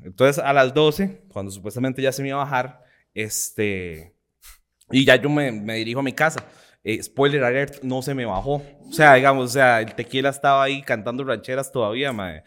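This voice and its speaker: A man's voice: medium pitch, normal speed. A young Costa Rican man, a comedian, telling personal stories animatedly in an interview, acting out quotes and laughing often. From Costa Rica. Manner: lively, acts out quotes with voices, laughs a lot. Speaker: guest comedian.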